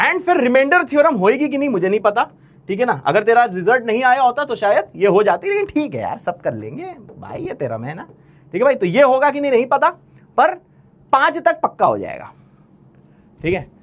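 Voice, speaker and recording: A man's voice: very high-pitched, wildly swooping pitch, fairly quick, dull audio. A male maths teacher giving an online lecture, chatty and teasing, pushing his students with blunt encouragement. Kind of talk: online maths lecture, motivational pep talk.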